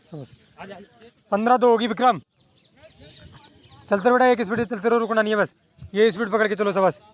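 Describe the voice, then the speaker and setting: A running coach with a high-pitched, steady voice speaks briskly to his runners outdoors. He keeps calling lap times and shouting at them over and over to keep going.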